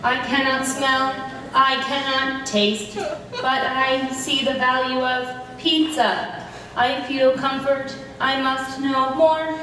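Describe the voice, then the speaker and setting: Woman playing a slow, echoey, questioning giant robot fiddle. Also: high-pitched, level tone, pushed and bright, exaggerated voice. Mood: wondering. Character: giant robot fiddle, earnest, newly self-aware, questioning. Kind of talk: stage comedy acting. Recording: echoey noisy hall from far off.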